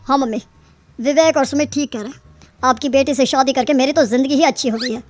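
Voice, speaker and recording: A woman's voice: sits high, quick pace, natural voice. A woman voicing a lazy young son-in-law in a story, agreeable yet given to grumbling. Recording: music behind the voice.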